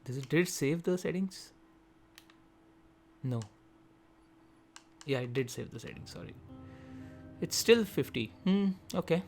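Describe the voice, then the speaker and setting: A man hosting a gaming video, giving quick, chatty gameplay commentary and thinking aloud as he goes through the settings. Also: a little high, expressive, darkish tone, soft background music. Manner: quick talker.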